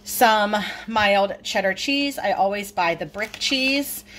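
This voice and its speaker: Filming with a phone in her home kitchen, a middle-aged vlogger chats casually with lots of ums as she shows off a grocery haul. Her mid-range voice has lively intonation, a slow pace, and a slightly bright tone, with a little hiss or hum in the recording.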